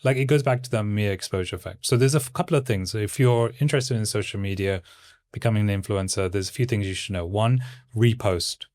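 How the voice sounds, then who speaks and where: A man speaking as a guest in a casual interview, with a stoic, calm, monotone delivery. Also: fairly low pitch, no echo, clean studio sound. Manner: stoic, measured. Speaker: guest, content creator.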